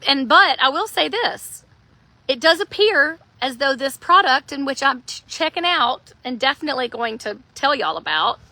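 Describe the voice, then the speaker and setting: A woman's voice: high-pitched, sharp tone. A woman, chatting on a live stream from a hammock in her front yard on a handheld phone. She rambles, giggles and pokes fun at herself. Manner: giggly, rambling, self-mocking. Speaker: livestream host. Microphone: phone held in hand.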